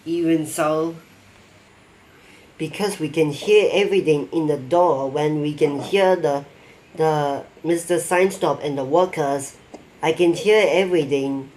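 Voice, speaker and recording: A man telling a rambling mock-documentary story in halting, non-native phrasing, acting out quoted lines. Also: on the high side, darkish tone. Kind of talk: improvised storytelling narration.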